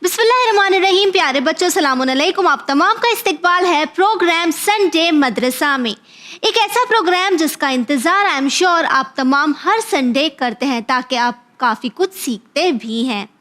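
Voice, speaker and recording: A woman's voice: sits high, lively intonation, unhurried, fairly bright tone. A woman hosting a children's program, greeting the kids with a scripted welcome. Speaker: children's show host.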